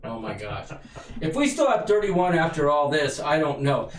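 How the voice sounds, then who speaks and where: A man's voice: a little high, very animated, moderate pace, a little hiss or hum. A man co-hosting a goofy livestream chat, playfully breaking into song and stammering while he searches for words. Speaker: co-host. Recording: roomy livestream audio from a distance.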